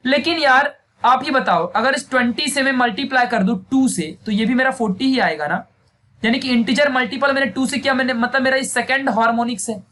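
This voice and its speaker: A young man with an extremely high-pitched, fairly bright voice gives a Hindi classroom physics lesson. He is chatty and repeatedly checks whether students follow, asking things like "samajh gaya?", with faint noise in the background.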